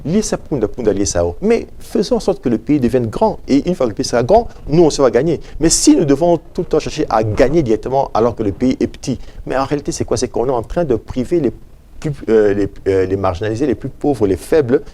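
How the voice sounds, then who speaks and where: A man's voice: mid-range voice, expressive, fast talker, warm tone. A man speaking French with a Congolese accent, a guest expert in a TV interview, talking emphatically and repeating his points. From Democratic Republic of the Congo. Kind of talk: studio TV interview.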